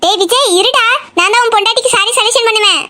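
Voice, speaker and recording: A woman voicing an outspoken middle-aged aunt in an animated family drama, brisk and teasing. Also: extremely high pitch, a little hiss or hum.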